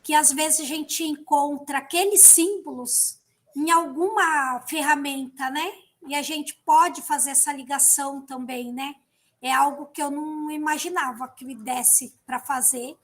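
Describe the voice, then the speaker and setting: A woman's voice: high-pitched, fairly even intonation, a little slow, a bit bright. A Brazilian woman teacher chatting thoughtfully on a video call, with frequent tag questions. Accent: Brazilian Portuguese. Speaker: teacher, workshop participant. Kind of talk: online workshop discussion.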